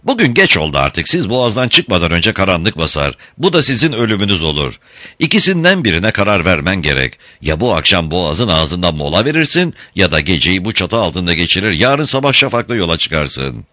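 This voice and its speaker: A man voicing a huge, hearty male mosque keeper who talks loudly and at length. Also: sits low, very animated, brisk, no echo, clean studio sound, heavily acted. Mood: warm, talkative.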